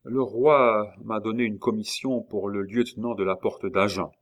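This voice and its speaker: In this audiobook, a man puts on an impatient, sharp-tongued envoy who is losing his temper. The voice sits lower than average and is sarcastic and exasperated. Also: fairly even intonation, normal speed, lightly acted. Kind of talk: audiobook character reading.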